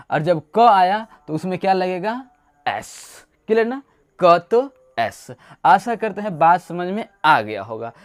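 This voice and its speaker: Playful man teaching grammar with questions. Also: high-pitched. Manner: playful, asks rhetorical questions, tells little stories. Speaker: English teacher. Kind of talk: explanatory grammar lesson.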